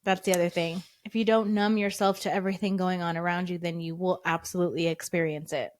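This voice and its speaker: A woman's voice: fairly low pitch, fairly even intonation, quick pace, dry recording, clean studio sound. A woman co-hosting a casual podcast chat in a wry, emphatic way. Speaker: podcast co-host.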